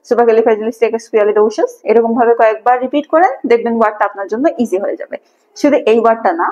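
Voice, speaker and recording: A woman's voice: a little high, darkish tone, lo-fi sound. A young woman teaching English, drilling long words part by part with patience. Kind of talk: casual lesson mixing Bengali and English.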